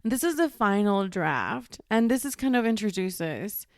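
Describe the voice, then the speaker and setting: Chatty woman with a smooth, clear voice. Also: medium pitch, sing-song, measured pace, dry recording, clean studio sound. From Ecuador. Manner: chatty, lots of likes and restarts. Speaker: podcast co-host. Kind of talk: casual chat.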